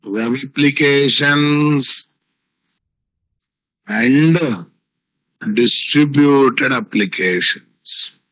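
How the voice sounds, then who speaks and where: Bright-voiced Indian man teaching, Telugu accent. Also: mid-range voice, very slow, long pauses, poor audio. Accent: South Indian, Telugu. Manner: repetitive teaching with rhetorical questions and tag words. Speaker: software instructor. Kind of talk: live online programming class.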